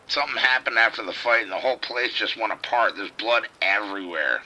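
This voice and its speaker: In a rough recording, a man with a lowish voice performs an audio drama role: a scared police officer stuck in a casino outbreak, radioing urgently for help and cursing. He speaks fairly quickly, his delivery pushed and bright.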